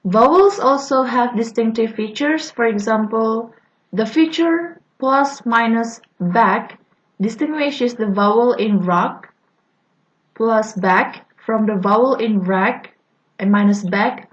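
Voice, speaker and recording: In a low-quality recording, a young Indonesian-speaking woman presents to her class on phonetics. Her slightly high voice stumbles along, full of "uh" fillers and restarted sentences, as a student presenter.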